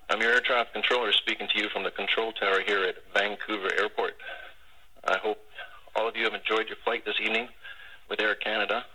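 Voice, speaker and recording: A man's voice: fairly low pitch, sharp tone, poor audio. A man working as an air traffic controller, speaking over air traffic control radio. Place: airport control tower.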